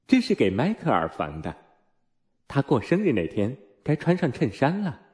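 Guy reading a kids story really slow, voice swoops all over, soft music under it. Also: mid-range voice. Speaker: narrator. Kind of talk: storybook narration.

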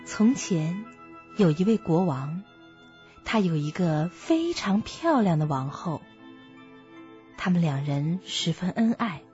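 A woman reading a fairy tale aloud to children, as a gentle storyteller. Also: on the low side, animated, slow, long pauses. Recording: muffled, dry, soft music behind.

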